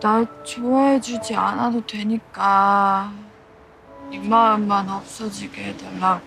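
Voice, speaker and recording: An actress playing an earnest, lovelorn young woman in a TV drama, polite and emotionally expressive. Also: medium pitch, slow, vocal fry. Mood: pleading, hurt. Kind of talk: Korean TV drama acting. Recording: music behind the voice.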